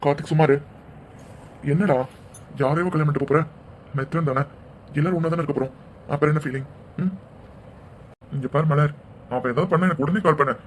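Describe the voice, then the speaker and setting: Guy doing a jokey older brother, a bit high, light noise behind. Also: fairly quick, long pauses. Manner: teasing, joking. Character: young man, a bantering brother of the bride. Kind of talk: cartoon dialogue acting.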